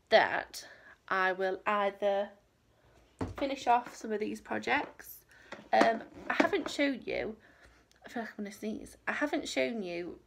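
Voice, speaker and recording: Sitting in a small craft room at home, a woman in her thirties who vlogs about crochet chats to camera in a rambling, self-deprecating way. Her medium-pitched voice carries vocal fry and a slight nasal quality from a cold-stuffed nose.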